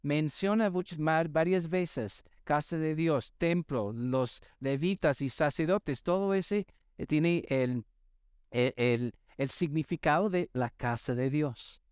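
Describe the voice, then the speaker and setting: Slow, emphatic preaching man. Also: a little high, a little mellow, clear, resonant tone, dry recording, clean studio sound. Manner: emphatic, keeps asking the audience to respond. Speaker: pastor. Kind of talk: preaching a sermon to a congregation. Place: church service with live congregation.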